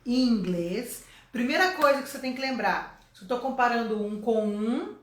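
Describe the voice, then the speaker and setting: A woman's voice: on the high side, moderate pace, reverberant. Chatty Brazilian woman teaching English. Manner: chatty, explains step by step with frequent checks. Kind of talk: casual online English lesson.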